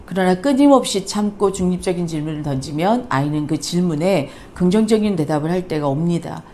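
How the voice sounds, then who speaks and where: A woman's voice: on the low side, expressive, a little fast, dark tone, slight background noise. A woman counselor giving parenting advice as a lecture, asking the listener rhetorical questions and acting out what parents say. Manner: acts out parents' lines in quotes.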